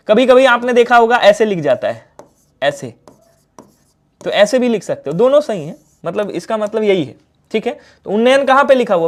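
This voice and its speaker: A man with a Hindi accent leads a live online exam-prep class. He talks in a lively, coaxing way, asking questions and answering them himself. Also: very high voice. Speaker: teacher.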